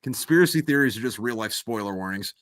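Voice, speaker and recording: A man's voice: lowish voice, expressive, fast talker, a bit bright, dry recording, studio quality. A man hosting a casual chat, often repeating words in a stammering run-up to his sentences. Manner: stammering word repetitions. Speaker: podcast host.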